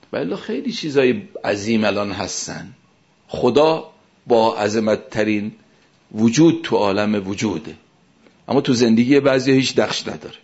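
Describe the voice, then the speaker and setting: A low, gravelly male voice delivering a sermon, leaning hard on key words, then falling back and going quiet. The recording sounds dull and lo-fi. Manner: emphatic, rises and falls sharply in loudness. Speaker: cleric.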